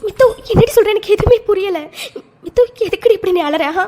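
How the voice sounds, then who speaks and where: A woman's voice: very high-pitched, fairly quick, warm tone, a little hiss or hum. A woman voicing Vaishu, a worried young woman in a cartoon, questioning her friend with urgency. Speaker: cartoon character. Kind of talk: Tamil cartoon voice acting.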